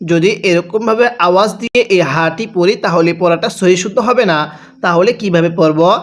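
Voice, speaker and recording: In a high voice, this man with a Bangladeshi Bengali accent leads a Quran reading lesson. He explains every rule with patience, then recites the words slowly, stretching out the sounds.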